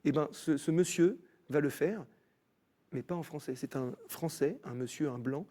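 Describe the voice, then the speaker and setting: A man telling his personal faith story as a TV guest, in an animated storytelling manner with many restarts. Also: fairly high pitch, normal speed. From France. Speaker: guest musician. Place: TV studio.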